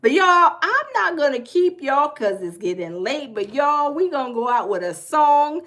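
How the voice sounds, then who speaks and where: A woman's voice: high-pitched, very animated, normal speed, fairly bright tone. A woman from the American South with a Southern accent, hosting a casual livestream, chatting folksily with viewers and reading their comments aloud. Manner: chatty, folksy, repeats herself. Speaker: livestream host.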